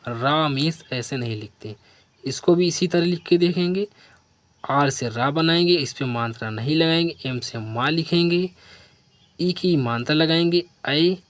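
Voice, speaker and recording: A man teaching beginners, spelling out words letter by letter and asking questions back to the learner. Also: fairly high pitch. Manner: spells letters one by one and asks the viewer to repeat. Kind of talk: slow spelling lesson for beginners.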